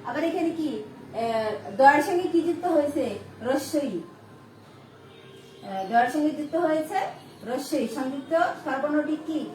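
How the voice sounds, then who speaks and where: High-voiced woman teaching, echoey room. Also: steady tone, normal speed, long pauses, dark tone, slight background noise. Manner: repeats and asks rhetorical questions. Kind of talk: online grammar lesson. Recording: echoey room, mic at a distance.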